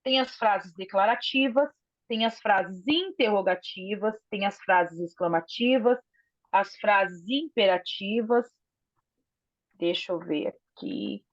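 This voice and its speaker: A woman's voice: mid-range voice, slow pace, dry recording. Woman teaching a class over a phone. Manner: explanatory, often adds "né?". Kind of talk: online class over video call. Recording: dull lo-fi phone audio, dry.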